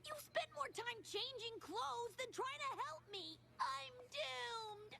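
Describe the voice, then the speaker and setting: A woman voicing a brash, anxious young tomboy pony in a cartoon, raspy and blunt. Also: very high-pitched, takes it slowly, heavily acted. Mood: exasperated. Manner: blunt, exasperated, excitable.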